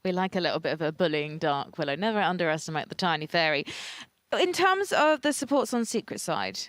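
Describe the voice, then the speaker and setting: A woman hosting an esports analysis panel who asks the analysts questions in a bright, playful way. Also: lowish voice, very animated, fairly quick, no room sound, studio quality. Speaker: panel host.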